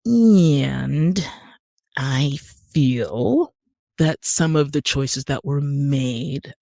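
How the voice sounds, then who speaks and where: An American woman from Utah, a guest actor and screenwriter, chats on a casual podcast interview in an emphatic, conversational way with wry humor. Her voice is extremely low, mellow and full of vocal fry, extremely slow but lively in intonation. The studio-quality recording is dry with very little room sound.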